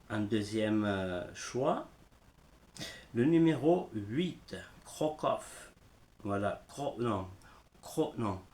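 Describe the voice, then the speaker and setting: Slow, halting man giving racing tips. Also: mid-range voice, a little mellow. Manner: slow, halting, repeats "voilà" often. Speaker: horse racing tipster. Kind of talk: casual live betting tips. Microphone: smartphone.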